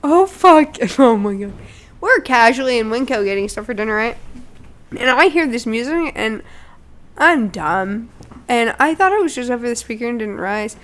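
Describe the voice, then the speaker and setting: A young woman co-hosting a casual podcast chat, profane and animated as she tells stories. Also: fairly high pitch, normal speed. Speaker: podcast co-host.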